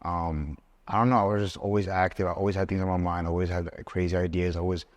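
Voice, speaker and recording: This guest, a man around twenty from Switzerland, talks fast in a deep voice with a steady tone. In his twenties, he rambles loosely on a casual podcast and keeps saying "like."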